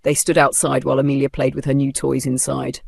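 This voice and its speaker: A man's voice: mid-range voice, monotone, brisk, vocal fry, breathy edge, no room sound, clean studio sound. A man with a Nigerian accent narrating a dramatic story with playful, humorous asides.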